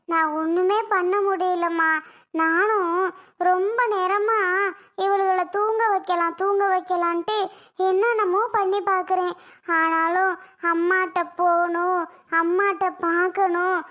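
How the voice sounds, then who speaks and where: A woman voicing a weary older aunt in a cartoon, talking slowly and tiredly about sleepless children. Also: very high-pitched, fairly even intonation, a bit bright. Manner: slow, tired, complaining. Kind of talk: cartoon voice acting.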